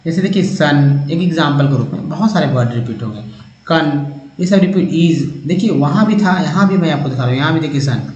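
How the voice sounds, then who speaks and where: Male tutor, somewhat high voice, slow spelled-out phonics, dull lo-fi echoey room. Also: a little mellow, a little hiss or hum. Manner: spells out letters and sounds them slowly; addresses viewers as friends. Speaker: English reading teacher. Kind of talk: spoken lesson explaining word parts.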